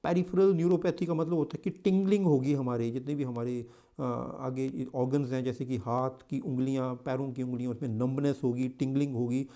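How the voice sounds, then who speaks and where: A man's voice: mid-range voice, fairly even intonation, brisk, mellow. A man with an Indian accent teaching an exam-prep lecture, mixing English terms into his talk and often repeating and correcting himself. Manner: mixes English into Hindi, repeats and self-corrects.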